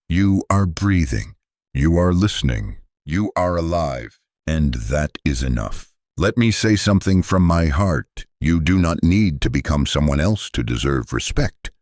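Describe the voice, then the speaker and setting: Male English teacher, extremely deep voice, dry close sound, gentle soothing delivery for a repeat-after-me lesson. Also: dry recording. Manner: gentle, soothing, deliberate phrasing.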